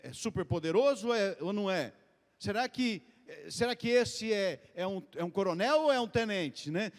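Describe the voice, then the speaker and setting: A man preaching to his congregation in a loose, conversational way, often lifting his voice and quickening. His voice sits fairly high for a man. The sound carries a long hall reverb from the church room. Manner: conversational, addresses the congregation as "queridos" and "gente"; lively, often rises in pitch and speeds up. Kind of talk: sermon.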